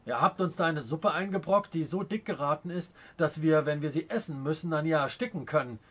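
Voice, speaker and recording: A man voicing a fearful, complaining banker in an audiobook, speaking in a hushed, whining way. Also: a little high, fairly quick.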